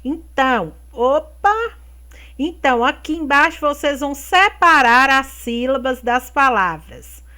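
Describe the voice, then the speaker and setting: A woman teacher giving a remote lesson to young children, speaking slowly and clearly, stretching out words and checking in with tag questions. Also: high-pitched, expressive, pushed and bright. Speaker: primary school teacher.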